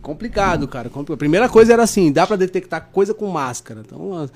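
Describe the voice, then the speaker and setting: A lie-detection expert with a Brazilian Portuguese accent chats casually as a podcast guest, informal, slangy and earnest. He's a fast talker with a high-pitched, animated voice, and there's a little hiss or hum in the recording.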